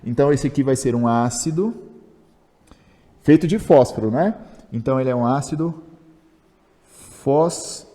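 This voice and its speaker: In a large hall, a Brazilian man with a mellow, mid-range voice works through chemistry step by step for a conversational video lesson. He's animated and moderately paced, pausing often, and his Brazilian Portuguese accent comes through as he questions himself, replies and jokes at his own expense.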